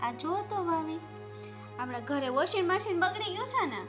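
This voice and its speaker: A woman's voice: extremely high pitch, lively intonation, normal speed, over music. A young woman playing a pushy sister-in-law who nags and insists. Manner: nagging, insistent. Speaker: husband's sister.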